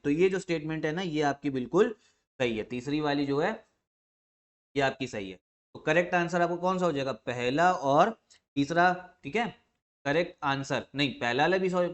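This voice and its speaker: Higher-voiced male teacher drilling quiz answers. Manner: quizzing himself with questions then answering, repeating key terms; mixes English terms into his speech and clears his throat often. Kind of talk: exam revision lecture.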